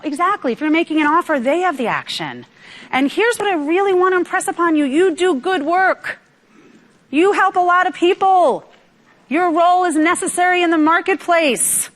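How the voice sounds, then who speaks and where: Fairly high-voiced woman from New York, motivational speaker, lively, asks the audience questions. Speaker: business speaker. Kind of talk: motivational talk to a live audience. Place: event room with audience.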